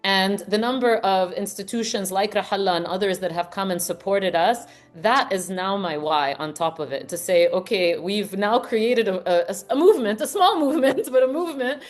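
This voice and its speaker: A woman's voice: mid-range voice, normal speed, hardly any pauses. A woman in her forties from Lebanon, raised partly in the US, speaking earnestly as an interview guest, often restarting her phrases. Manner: earnest, reflective, with frequent restarts. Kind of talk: casual interview chat.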